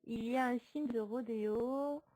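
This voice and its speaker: A woman hosts a casual movie livestream, chatting hesitantly with lots of fillers, laughing often and responding to viewer comments. Her fairly high, mellow voice moves a little slowly. The audio quality is poor.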